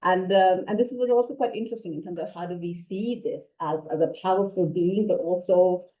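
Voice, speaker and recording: Woman telling a myth on a video call, lowish warm voice, thoughtful, kinda hesitant. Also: a little fast, low-quality recording. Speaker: conference presenter and storyteller. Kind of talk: retelling a myth in a conference talk.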